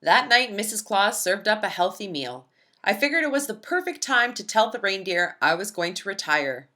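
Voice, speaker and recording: A woman reads a children's picture book aloud, telling the story in an expressive, emphatic way. Her voice sits in the mid-range and she keeps a normal speed.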